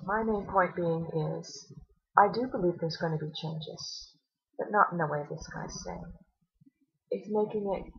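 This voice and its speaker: A woman's voice: lowish voice, fairly bright tone, husky, muffled recording. A woman making a video response, indignant and sarcastic, firing off rhetorical questions. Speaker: video blogger.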